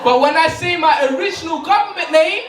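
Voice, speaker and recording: On a large hall's stage, a young comic with an extremely high pitch talks a little fast, a bit tipsy, playfully laughing and yelling to the audience. Picked up from afar in an echoey space, his set is punctuated by loud laughter and cheering.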